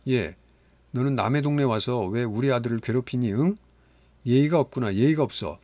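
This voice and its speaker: A man's voice: on the low side, fairly quick, a little mellow, no room sound, close to an everyday voice. A man voicing an angry mother who sharply scolds a boy, in a storybook reading. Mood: scolding.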